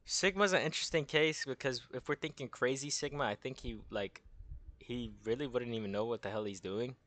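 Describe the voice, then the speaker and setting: A man's voice: mid-range voice, brisk, a bit bright, no echo. A young man hosting a casual gaming tier-list video, rambling in crude slang and losing his train of thought.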